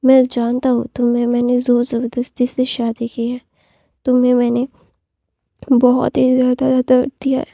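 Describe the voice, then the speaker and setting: A woman's voice: high-pitched, vocal fry, mellow, dry recording, heavily acted. A woman voicing a lovesick young male emperor who pleads tearfully and repeats himself in a storybook reading.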